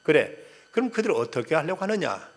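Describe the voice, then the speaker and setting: A man voicing a calm, compassionate male savior who makes gentle, earnest offers in a sermon story. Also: fairly high pitch, fast talker. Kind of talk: acted quote within a sermon.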